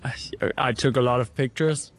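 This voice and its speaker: Man, monotone voice, halting, keen, interview answers. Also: mid-range voice. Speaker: filmmaker.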